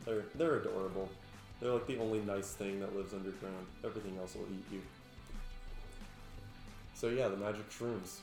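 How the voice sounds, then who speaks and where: A man's voice: fairly low pitch, steady tone, normal speed, long pauses. A young man playing a party card game with friends, telling stories and laughing through his lines. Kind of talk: casual chat. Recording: echoey room with faint music.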